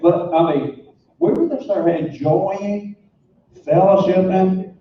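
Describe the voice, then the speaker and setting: A man's voice: high voice, takes it slowly. Folksy man in very echoey hall. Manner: rambling, repeats phrases. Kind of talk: folksy, informal anecdote to an audience. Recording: echoey hall, distant mic, dull sound.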